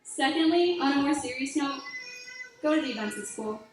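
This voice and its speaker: High-voiced teen girl giving a graduation speech. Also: lively intonation, brisk. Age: late teens. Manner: earnest, heartfelt advice to younger students. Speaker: graduating student speaker. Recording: echoey hall, voice from far off, faint noise.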